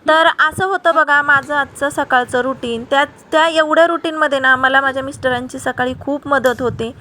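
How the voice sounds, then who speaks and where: Chatty high bright-voiced woman vlogger. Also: steady tone, moderate pace, a little hiss or hum. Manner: chatty, speaks straight to viewers. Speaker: family vlogger. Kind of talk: casual vlog sign-off to viewers.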